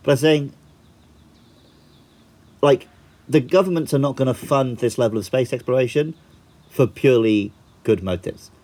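A man's voice: mid-range voice, normal speed, pauses often, darkish tone. A man co-hosting a podcast, chatting casually about a film in a dry, matter-of-fact way with the odd swear word.

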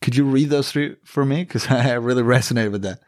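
Animated casual podcast host. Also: male voice, medium pitch, brisk, no echo, studio quality.

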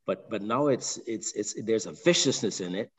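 An older Barbadian man with a low voice calls in, working through his point in fits and starts, circling back and repeating words as he searches for the next phrase. His voice carries a long reverb. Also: lively intonation, breathy edge. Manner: halting, many restarts and repeated words. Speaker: caller. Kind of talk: call-in question.

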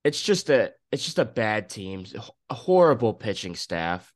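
A young man co-hosting a casual sports podcast, excited and opinionated, in his morning voice. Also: on the low side, moderate pace, no room sound, studio quality. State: just woken up, morning voice. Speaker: podcast co-host.

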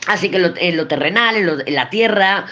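A woman's voice: on the low side, expressive, fairly quick, pushed and bright, highs cut off. A woman with a Spain Spanish accent giving a weekly tarot reading, blunt and emphatic, swearing and repeating herself for emphasis. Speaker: tarot reader.

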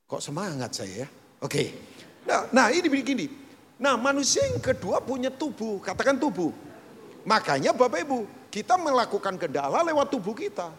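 A middle-aged pastor preaching a live church sermon, animated, swinging between loud outbursts and hushed asides while quizzing the congregation. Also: male voice, on the high side. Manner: asks the congregation questions and quizzes them. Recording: reverberant church hall, faint room noise.

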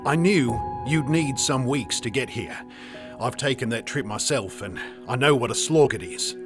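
A man's voice: mid-range voice, lively intonation, normal speed, music in the background, lightly acted. A man doing a breezy Australian bushman. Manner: breezy, slangy, matter-of-fact.

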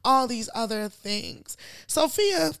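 A woman with a Nigerian accent co-hosting a podcast. She talks in a relaxed, chatty way and tells stories casually. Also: a little high, slow, creaky, clean tone, dry recording. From Chicago. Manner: relaxed, chatty, drifts into storytelling. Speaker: podcast co-host. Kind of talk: casual chat.

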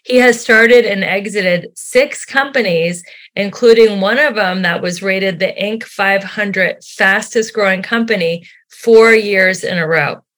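A woman's voice: mid-range voice, unhurried, a bit bright. A woman hosting an interview, introducing her guest with enthusiasm. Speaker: host.

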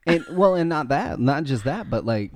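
A man co-hosting a faith podcast, talking fast and earnestly, often restarting his sentences. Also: fairly high pitch, expressive, a little hiss or hum. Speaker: podcast co-host. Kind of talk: casual faith podcast chat. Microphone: podcast mic.

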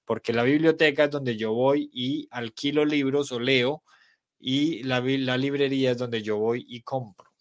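A man leads a live-streamed English lesson. His voice sits at an ordinary middle pitch, and he explains words patiently, often pausing to correct himself. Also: a bit bright. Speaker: English teacher. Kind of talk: live-streamed online class.

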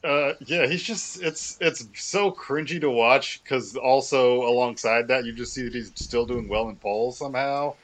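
A man's voice: medium pitch, moderate pace, few pauses, fairly bright tone. An American man chatting casually on a podcast with hesitant, dry understatement. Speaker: podcast guest or returning crew member. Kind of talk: casual chat.

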